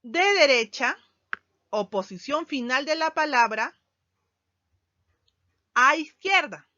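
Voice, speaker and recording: Woman teacher, slow deliberate lesson delivery, lo-fi sound. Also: sits high, animated, pushed and bright, no room sound. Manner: slow, deliberate, stresses key words. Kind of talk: recorded grammar lesson. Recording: dull lo-fi sound, dry.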